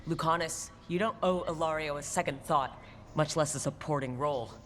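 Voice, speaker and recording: A woman's voice: low voice, brisk, a crowd in the background, lightly acted. A woman playing a resolute, loyal hero in a video game, speaking in an earnest, firm way. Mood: determined. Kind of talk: video game character acting. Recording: clear background noise.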